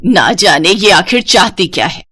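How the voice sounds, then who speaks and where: A harsh middle-aged mother-in-law, played by a woman narrator in a lowered, heavy voice. She scolds and snaps, and her lines come out stern and dry. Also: animated, measured pace, bright, forceful tone, no echo, full character voice. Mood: scolding.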